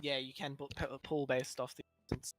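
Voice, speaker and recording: A man's voice: mid-range voice, little pitch movement, brisk, no room sound. A man chatting casually and joking with teammates over voice chat during an online game raid. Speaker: raid player. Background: game music.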